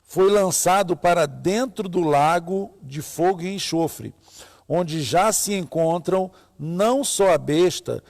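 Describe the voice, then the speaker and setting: Brazilian pastor guy, gravelly fry in his voice, reads bible verses and comments, roomy long reverb. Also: sits high, slow, a little mellow. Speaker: pastor, co-host. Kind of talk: informal Bible reading and commentary.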